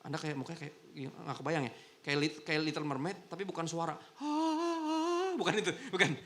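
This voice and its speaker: Fast-talking, gravelly-voiced male pastor. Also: fairly high pitch. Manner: chatty and animated, acts out quoted voices. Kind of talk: casual storytelling sermon. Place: church service in a hotel ballroom.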